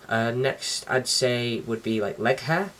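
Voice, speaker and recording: Here the young man's voice sits mid-range and sounds a bit bright, and he talks slowly. He addresses the camera like a vlogger, casual and somewhat hesitant, wandering as he goes. It's picked up on a far-off mic with a little background noise.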